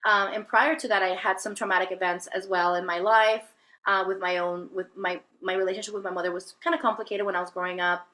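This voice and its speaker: Speaking fast in a mid-range voice with a level, bright, forceful tone, a Venezuelan spiritual healer recounts her life in a reflective personal interview. She hesitates a lot, stacking up fillers and restarting sentences.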